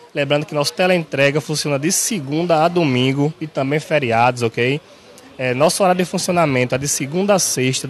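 A young pharmacy staff member with a Northeast Brazilian Portuguese accent gives an on-air sales pitch inside a large, bright pharmacy. He speaks steadily and salesily into a handheld station mic held by the interviewer, often ending lines with a quick check.

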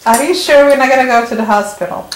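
A woman's voice: high voice, quick pace. A woman chatting casually with children as she hosts a food challenge, asking questions in a teasing way. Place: indoor room at home, off camera. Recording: roomy echo, faint background noise.

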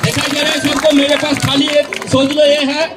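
A man's voice: very high-pitched, monotone, moderate pace. A man doing live stage patter in the showy manner of a kids party magician, calling to volunteers and the audience. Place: tented outdoor stage. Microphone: handheld mic through PA, filmed from audience. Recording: echoey PA, loud crowd and music.

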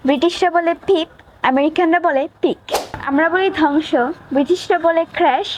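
A woman giving a scripted vocabulary lesson, reading word pairs in a clear, even, list-like way. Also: very high voice, fairly quick. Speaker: English teacher. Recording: noisy background hiss.

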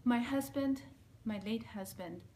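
In a small room with a plain wall, a woman in her forties with a Bangladeshi accent and Bengali as her first language reads a prepared statement into a front-facing camera at close range. Her voice sits on the high side, her delivery measured, solemn and steady, with slight background noise.

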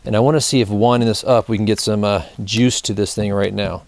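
In a dry-sounding indoor studio with a backdrop, a gear review host in his thirties gives a loose, colloquial product demo to camera, addressing viewers as "guys." His lowish, creaky, darkish voice keeps a fairly even intonation and moves a little fast, in a dry recording.

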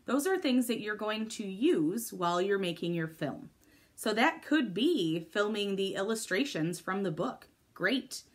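A woman's voice: medium pitch, lively intonation, a little slow, breathy edge. A woman teacher giving a recorded video lesson to middle schoolers, explaining step by step in an upbeat, encouraging way.

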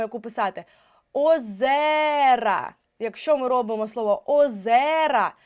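Brief: young woman, online language teacher, patient and clear, slightly high voice. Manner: clear, drawn-out example words, explaining patiently. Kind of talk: online spelling lesson.

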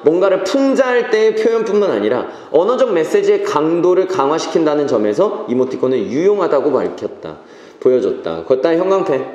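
A man's voice: a little high, darkish tone. A man teaching an English reading class, checking in with students and repeating key phrases. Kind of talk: classroom lecture. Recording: echoey classroom reverb.

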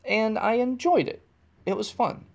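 Chatting alone on his podcast as he drives, an American man wanders through his thoughts and keeps correcting himself mid-sentence. His voice sits high with vocal fry and a slightly mellow quality, at a measured pace, and there's a little hiss or hum.

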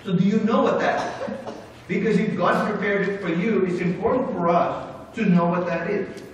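Middle-aged man, pastor, lively sermon, high voice, echoey church hall. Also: normal speed, far from the mic, a little hiss or hum. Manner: animated preaching with big hand gestures, moving about the stage. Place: church sanctuary with brick wall, indoors.

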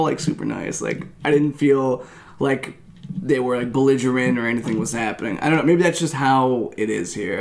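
A young man from Ohio banters as a vlog guest, quick and jokey. His voice sits at a plain middle pitch, and his words tumble out in animated bursts with frequent restarts. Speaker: co-host guest. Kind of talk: casual chat.

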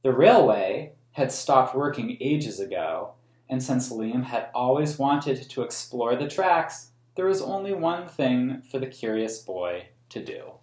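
An American man in his thirties reading a picture book aloud to children in a gentle, explanatory way. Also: mid-range voice, expressive, measured pace. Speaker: museum story time host. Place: small plain room indoors. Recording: roomy indoor echo.

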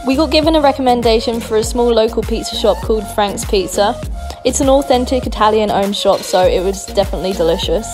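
A woman's voice: a little high, fairly quick. Australian woman narrating a travel vlog. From Darwin, Australia. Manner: chatty, upbeat, giving tips. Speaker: travel vlogger. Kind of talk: scripted travel voice-over. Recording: voice-over with loud background music.

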